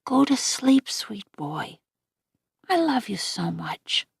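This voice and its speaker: A tired, loving mother who speaks in a hushed half-whisper, as a woman reads her. Her voice is slow, breathy and husky, with a dry, close sound. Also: medium pitch, very animated, no room sound, heavily acted. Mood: soothing.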